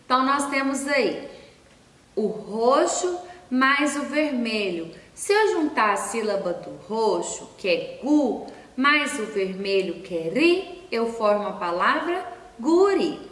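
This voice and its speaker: With a high-leaning, slightly bright voice that swings widely in pitch, a woman teacher leads a recorded lesson for young children. She spells out letters and syllables slowly and patiently, asking questions and answering them herself. The mic is distant in an echoey room.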